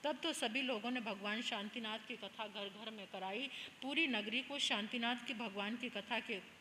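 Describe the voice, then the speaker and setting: Bright-voiced woman preaching in a hall. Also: on the high side, moderate pace, a little hiss or hum. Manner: rhythmic, expressive narration. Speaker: Jain nun preacher. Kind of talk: chanting and devotional storytelling.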